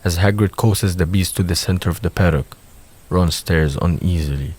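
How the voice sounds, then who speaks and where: Here a low-pitched, slightly rough and somewhat mellow man narrates a scripted audio drama. He describes every scene in the present tense at a steady, measured pace.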